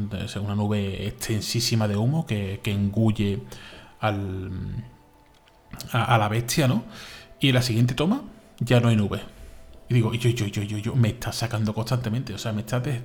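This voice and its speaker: A man from Spain with a Spain Spanish accent, co-hosting a podcast in casual, animated chat, full of fillers and repeats. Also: fairly low pitch, normal speed. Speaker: podcast co-host.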